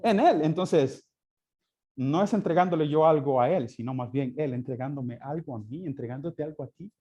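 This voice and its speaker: A man's voice: medium pitch, normal speed, dark tone. A man teaching a Sunday school class, often asking his listeners questions and answering them himself. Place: church classroom.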